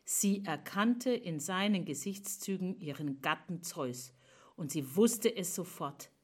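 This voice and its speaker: A woman narrating a myth as a storyteller, slow and dramatic. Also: lowish voice, expressive, breathy edge.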